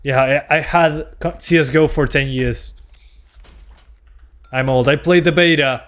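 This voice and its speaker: A man's voice: fairly high pitch, steady tone, a little slow, fairly bright tone. A man doing casual gameplay commentary as a streamer, chatting with his viewers as he plays. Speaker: game streamer.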